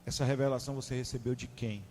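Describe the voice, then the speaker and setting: A man preaching a sermon in a conversational, animated way, speaking straight to his listeners. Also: medium pitch, fast, in a large hall, slight background noise.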